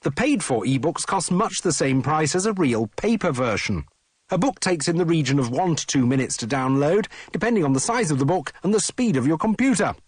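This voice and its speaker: A man presenting a tech review in a brisk, explanatory voice-over. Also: a little high, lively intonation, slightly rough, dry recording.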